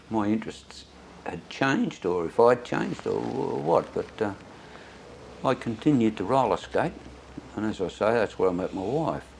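An old Australian man with a fairly low voice reminisces as a veteran looking back on his life. He tells it in a rambling, anecdotal way, as in an oral history interview, with noticeable noise behind him. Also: vocal fry, darkish tone, rough recording. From Sydney, Australia. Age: elderly.

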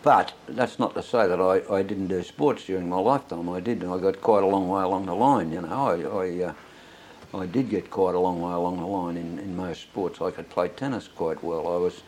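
An elderly man from Sydney, Australia, speaks in a fairly low, darkish voice at a moderate pace. He reminisces as a veteran looking back on his life, rambling through anecdotes like an oral history interview, with noticeable background noise.

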